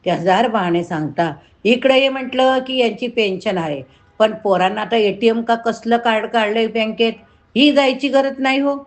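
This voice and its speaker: A woman's voice: moderate pace, close to an everyday voice. A woman voicing a frail, lonely old widow who pleads and complains in a raised, plaintive voice. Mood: sorrowful complaint. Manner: plaintive, pleading, bursts higher in pitch.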